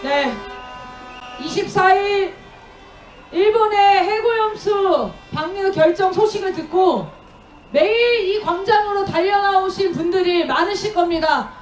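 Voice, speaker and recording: A woman's voice: extremely high pitch, expressive, measured pace, far from the mic, soft background music. A woman emceeing an outdoor street protest, rousing the crowd with rhetorical questions and leading chants through a handheld mic. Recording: echoey outdoor rally with crowd noise.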